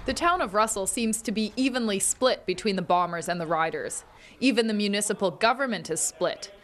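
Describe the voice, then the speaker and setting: Woman, Canadian accent, news reporter, scripted report narration, medium pitch. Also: fairly quick, a bit bright.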